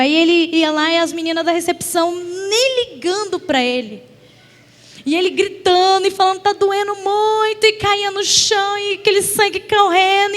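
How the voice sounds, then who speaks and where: A woman's voice: extremely high pitch, long reverb tail. A Brazilian woman deaconess preaching a sermon, telling a story with emotion and repeating words for emphasis. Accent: Brazilian Portuguese. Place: church hall.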